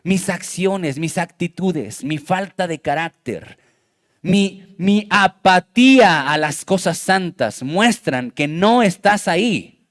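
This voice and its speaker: Man, Mexican Spanish accent, pastor, fervent sermon, direct address to congregation, fairly high voice. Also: animated, slow pace, a bit bright. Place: church sanctuary.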